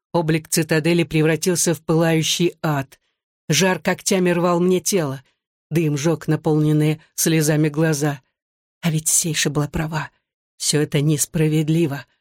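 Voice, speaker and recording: Brief: measured first-person narrator, steady middle pitch, audiobook, dry close recording. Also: no echo. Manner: measured, phrase-by-phrase reading.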